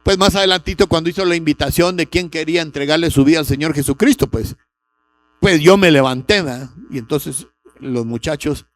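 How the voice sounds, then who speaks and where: A middle-aged man, preaching a sermon with a personal testimony and rising sharply on key words. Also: on the high side. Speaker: pastor.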